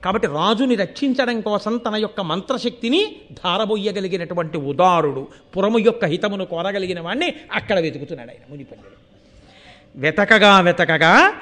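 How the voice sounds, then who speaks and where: An older man giving a religious discourse, telling stories animatedly and chanting verses in a drawn-out recitation. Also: sits high. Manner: animated storytelling, swings between soft and loud.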